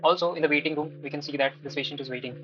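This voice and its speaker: A man with an Indian accent giving a live software demo, explaining step by step in a halting way. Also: a little high, fairly even intonation, lo-fi sound, over music. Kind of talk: live product demo walkthrough.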